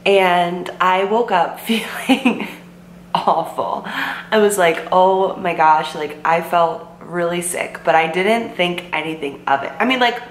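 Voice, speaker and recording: Speaking slowly in a fairly low voice, this sick vlogger in her twenties tells a rambling story to the camera in her bedroom, her throat sore and her voice worn. She quotes herself and leans on "like" and "um" in a chatty storytime style. The camera sits at desk distance in a room with bookshelves, and the audio is roomy with a faint hum.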